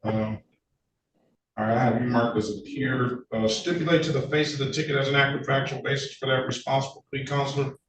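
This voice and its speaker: A man's voice: medium pitch, fairly even intonation, a little fast. A male judge presiding over a court hearing, talking in a procedural way with frequent uh and um fillers, heard on a courtroom recording. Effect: courtroom recording from a distant room mic. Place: courtroom or judge's meeting room, indoors. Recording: echoey room, distant mic, faint noise.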